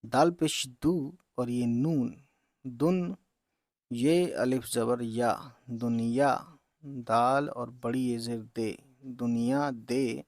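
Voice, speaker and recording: A man's voice: medium pitch, fairly even intonation, slow, long pauses, darkish tone, dry recording, clean studio sound. A man teaching reading, spelling out letters and vowel marks one by one, often checking in with "okay". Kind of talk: slow letter-by-letter reading lesson.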